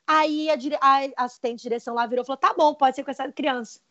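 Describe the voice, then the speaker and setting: A woman's voice: high-pitched, fairly even intonation, quick pace, fairly bright tone, dull audio. A woman telling a dramatic story in a casual chat, acting out what people said. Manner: dramatic storytelling with acted-out quotes.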